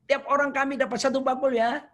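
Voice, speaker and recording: A man's voice: very high voice, level tone, fast, a bit bright, voice pushed up. A man voicing hopeful male disciples who plead with their teacher for a share, in a sermon story. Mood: wheedling.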